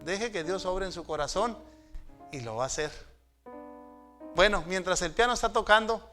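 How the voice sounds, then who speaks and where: A middle-aged man from Mexico delivers a church sermon, with a high, bright, forceful voice. He shifts from quiet storytelling asides to raised calls to the congregation. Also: expressive, moderate pace, faint music behind. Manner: storytelling, swinging between hushed asides and raised exhortations. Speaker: pastor. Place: church sanctuary.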